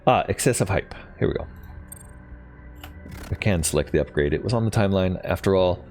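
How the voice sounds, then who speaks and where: A man's voice: low voice, brisk, a little mellow, slight background noise. A man casually thinking aloud while playing a strategy game, with lots of ums and hesitations. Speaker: gaming channel host. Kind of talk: casual let's play commentary.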